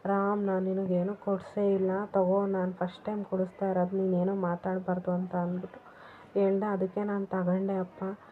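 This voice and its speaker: A woman's voice: mid-range voice, completely flat delivery, normal speed. A woman casually retelling a TV serial episode, quoting the characters' lines as she goes. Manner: retells scenes, voicing each character's lines in quotes. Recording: tinny phone-like audio, faint noise.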